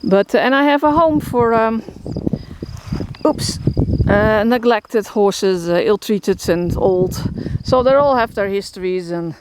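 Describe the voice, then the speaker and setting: This woman from the Netherlands, who keeps a horse shelter, takes her time as she talks in a mid-range voice with a Dutch accent. Her casual vlog walkthrough about her horses happens outdoors in a rural field, and she rambles with frequent fillers and restarts over background crickets and outdoor noise.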